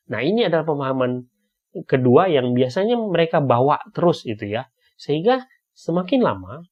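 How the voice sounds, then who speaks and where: A man's voice: medium pitch, highs cut off. A man giving a casual, conversational explanatory talk, often checking in with tag questions.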